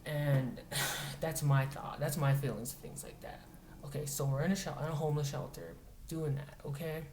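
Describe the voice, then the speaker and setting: A man's voice: fairly high pitch, steady tone, normal speed, a little mellow. A man from Montana telling a story in a casual monologue. He talks bluntly, swears often and stresses his points. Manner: blunt, profane, emphatic. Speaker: vlogger. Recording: echoey room, faint noise.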